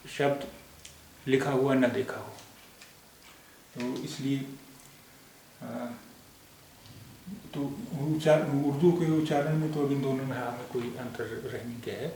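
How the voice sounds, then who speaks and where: A man gives a spoken language lesson, patient and methodical, repeating sounds and examples so learners can follow. His voice sits at an ordinary middle pitch and comes from some distance off the mic. The room rings with a strong echo, and a faint hiss runs underneath. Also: dark tone. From India. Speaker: Urdu teacher.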